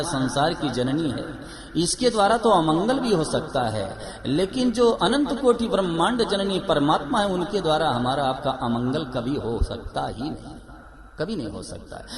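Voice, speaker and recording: Higher-voiced man preaching to a crowd. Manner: emphatic, repeats key phrases. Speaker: religious storyteller. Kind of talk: devotional sermon with story. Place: live gathering before an audience. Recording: live recording with crowd audible.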